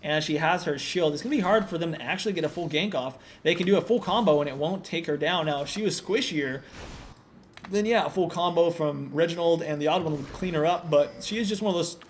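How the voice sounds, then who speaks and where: Male solo game caster, slightly high voice, relaxed analytical play-by-play, lots of fillers, faint noise on the recording. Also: a little fast. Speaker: esports commentator.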